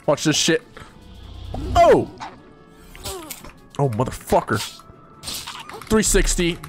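A man giving excitable, profane commentary while playing a video game. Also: mid-range voice, moderate pace, soft background music. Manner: excitable, profane, laughing often. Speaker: gamer. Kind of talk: casual let's-play commentary.

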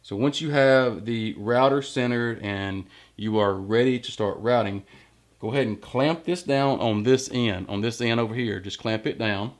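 A man's voice: medium pitch, moderate pace. A man in his thirties, a workshop channel host, explaining step by step how to use a jig while working at the bench in a large indoor woodshop. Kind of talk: hands-on workshop tutorial. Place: large indoor woodworking shop.

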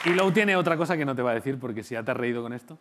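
A man, a YouTuber guest on a talk show, speaking in a relaxed, matter-of-fact and self-deprecating way. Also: medium pitch, very fast, a loud crowd, very noisy. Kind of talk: casual interview chat.

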